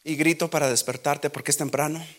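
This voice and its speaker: A man delivers a sermon in two languages, his voice high and bright. He acts out Bible stories, jumping between Spanish and English as he preaches. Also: steady tone, fairly quick. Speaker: pastor. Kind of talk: bilingual sermon.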